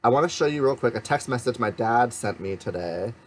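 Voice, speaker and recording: Lively, chatty let's play host. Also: male voice, medium pitch, fairly quick, a little hiss or hum. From Pacific Northwest. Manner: chatty and upbeat, guiding the player. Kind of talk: casual chat.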